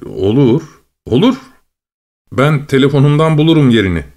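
A man's voice: medium pitch, sing-song, a little mellow. A man voicing an absent-minded, hesitant male inventor answering the phone in an audiobook story. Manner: hesitant, halting, flustered.

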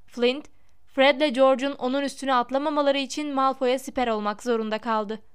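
High, crystal-clear woman narrating a storybook. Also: steady tone, moderate pace. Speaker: audiobook narrator.

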